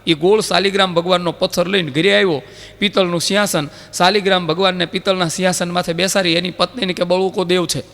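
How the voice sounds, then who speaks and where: A man's voice: high voice, fast, in a large hall. A middle-aged man, a folk comedian telling jokes live on stage and acting out other people's lines. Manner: lively storyteller who acts out other people's lines. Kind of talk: live stand-up storytelling with jokes. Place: live stage show with audience laughter. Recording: loud background noise.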